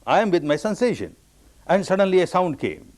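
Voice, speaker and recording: A man from Burma giving a meditation discourse, telling his own story with repeated, emphatic phrases that jump up high on the key words. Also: very animated, a little fast, a little mellow. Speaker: meditation teacher.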